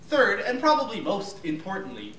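An exasperated man with a high, bright voice corrects his friend with growing frustration. He sits some distance from the mic in an echoey room. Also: huge pitch swings, normal speed, a little hiss or hum. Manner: exasperated, correcting, grows loud. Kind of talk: sketch comedy acting.

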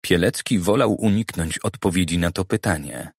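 Male narrator, deep and a bit husky, steady crime-novel reading, dry booth recording. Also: normal speed, dry recording. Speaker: audiobook narrator. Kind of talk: scripted narration. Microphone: studio microphone.

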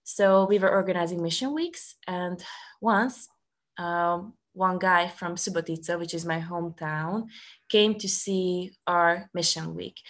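A young woman from Serbia, a student ministry staff worker, sharing a personal story on a video call in earnest, halting speech full of fillers. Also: on the low side. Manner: earnest, with frequent fillers and restarts. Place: small room at home. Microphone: laptop webcam on a video call.

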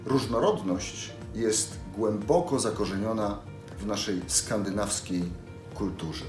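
A man's voice: on the low side, takes it slowly, music in the background. A man giving an earnest, explanatory company statement as a bank executive. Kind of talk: prepared corporate statement. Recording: echoey room.

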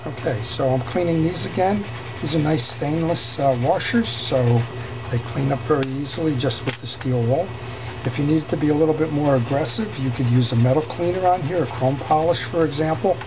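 At a workshop bench, a man with a somewhat high, brisk voice demonstrates how to repair a fishing reel. He talks unhurriedly, with plenty of fillers and restarts, and there's noise in the background.

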